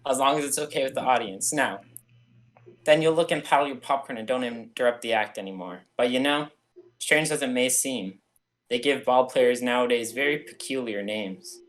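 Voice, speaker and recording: A man's voice: medium pitch, moderate pace, natural voice. A man playing a genial local comedian doing folksy showman patter in an old-time radio comedy routine. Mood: patient, bantering. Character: chatty, genial 1940s local stage comedian.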